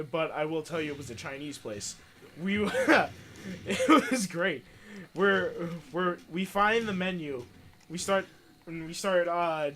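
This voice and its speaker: Bright-voiced young man telling an animated story. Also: on the high side. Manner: animated, laughing, acts out quoted voices. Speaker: podcast host. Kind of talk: casual storytelling while playing a video game.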